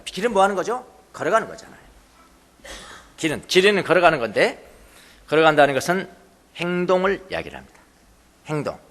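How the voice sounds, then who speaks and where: A high-pitched, fairly bright-toned male pastor delivers an emphatic sermon in a church sanctuary, where a long reverb tail follows his words. He hammers key words through repetition and questions the congregation.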